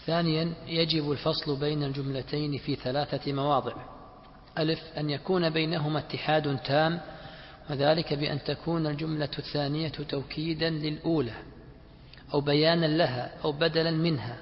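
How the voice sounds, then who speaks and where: A man's voice: fairly high pitch, brisk, slight background noise. Man reading a textbook aloud. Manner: steady, listing points. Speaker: student reading the text aloud. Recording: muffled recording in echoey hall.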